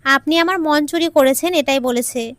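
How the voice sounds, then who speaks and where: A woman voicing an older father who speaks slowly and reluctantly in an audio story. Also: sits high, a bit bright, dry recording. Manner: slow, reluctant.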